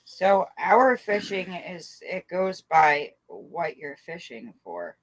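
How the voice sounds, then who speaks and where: A woman's voice: on the low side, sing-song, slow, poor audio. A woman talking casually in a live group chat, looking things up as she goes.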